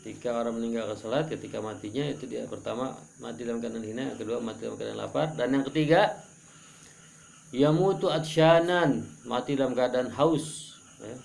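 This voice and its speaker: A man preaching at an evening study gathering, animated and joking, with sudden jumps in pitch for emphasis. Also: quick pace, gravelly, slight background noise. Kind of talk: religious study sermon.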